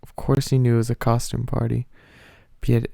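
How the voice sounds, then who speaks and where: A man's voice: medium pitch, little pitch movement, a little fast, vocal fry, warm tone, dry recording, studio quality. A man giving an amateur dramatic reading of fan fiction, with amused asides. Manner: breaks character with amused asides.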